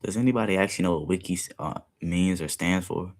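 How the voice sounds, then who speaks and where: A man's voice: deep voice, brisk. A young man chatting casually while reacting to a video, rambling with lots of filler words. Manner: rambling, heavy use of "like" fillers.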